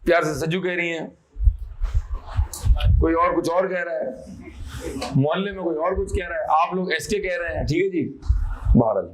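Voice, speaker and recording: A man teaching a classroom lecture, animated, quizzing students with repeated questions and chanted phrases. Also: on the high side, normal speed, pauses often, low-quality recording. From Pakistan.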